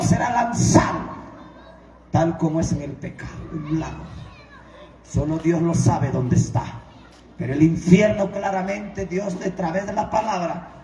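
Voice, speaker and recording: A male preacher delivering an impassioned sermon, often shouting and chanting his phrases. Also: high-pitched. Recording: echoey hall, distant mic, music behind.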